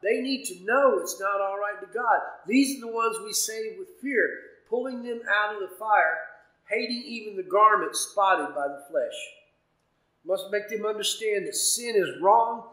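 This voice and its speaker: A man's voice: sits high, unhurried, bright, forceful tone, reverberant, poor audio. A man preaching a fervent, emphatic sermon, punctuating points with "amen" and reading scripture aloud.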